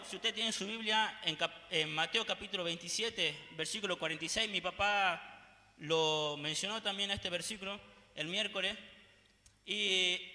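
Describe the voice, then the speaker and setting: High bright-voiced preacher in an echoey hall. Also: male voice. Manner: impassioned, piling up rhetorical questions. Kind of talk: sermon. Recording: echoey hall with long reverb.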